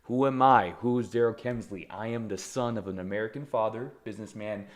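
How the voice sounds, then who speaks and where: A young man hosting his own podcast, speaking in an energetic, emphatic way with self-deprecating asides in a solo motivational monologue. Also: on the low side, a little fast. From Taiwan. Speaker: podcast host.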